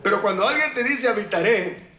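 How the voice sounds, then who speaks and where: Male preacher, high voice, chatty sermon delivery with questions to the pews, echoey church. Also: lively intonation, a little fast, sharp tone. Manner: conversational, asks the congregation questions, jokes.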